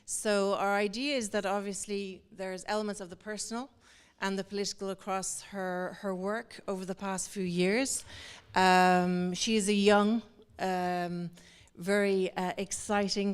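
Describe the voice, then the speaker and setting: Facing a live audience at an indoor venue, a woman moderates an art talk in a semi-formal style. She speaks at medium pitch with a level, clear and resonant tone, at a moderate pace, and her sentences run long, twisting and hesitant.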